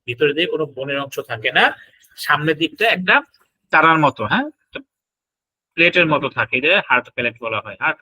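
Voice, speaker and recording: A man with a Bangladeshi Bengali accent giving a classroom anatomy lecture, reading English terms slowly and then explaining them. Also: fairly high pitch, bright, forceful tone, slightly rough, dry recording, rough recording. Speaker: homeopathy lecturer. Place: homeopathy clinic in Dhaka.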